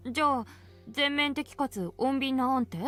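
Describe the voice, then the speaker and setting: A woman's voice: high voice, normal speed, fairly bright tone, soft background music. An actress voicing a skeptical young woman in a game who asks direct questions. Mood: questioning.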